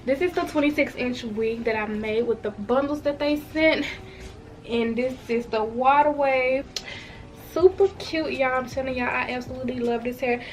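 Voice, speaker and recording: A woman's voice: high-pitched, moderate pace, a little hiss or hum. A woman in her twenties with a congested, stuffy voice, chatting straight to viewers in a casual hair review vlog at home. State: congested from a cold. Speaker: hair vlogger. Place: at home, washing machine running nearby.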